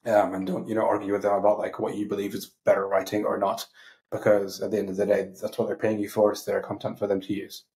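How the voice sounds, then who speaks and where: A man from Iraq, a medical writer, answering viewer questions in a chatty, relaxed way on a live webinar over a video call. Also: lowish voice, quick pace, poor audio. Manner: chatty, relaxed, frequent fillers and asides.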